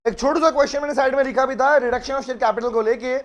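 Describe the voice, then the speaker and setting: A man's voice: very high voice, steady tone, fast, a bit bright. A man teaching company law in a live online class, chatty and teasing with his students.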